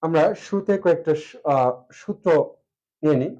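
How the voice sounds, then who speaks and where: A male teacher with a Bangladeshi Bengali accent gives a classroom lecture on pronunciation, slow and deliberate, drawing out example words and pausing with "ah" fillers. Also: fairly high pitch, warm tone, highs cut off.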